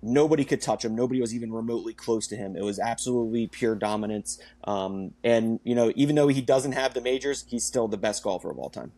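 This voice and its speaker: A man's voice: medium pitch, quick pace, hardly any pauses, warm tone. Young man, podcast co-host, mid-range voice, easygoing, laughs a lot. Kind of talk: casual sports chat.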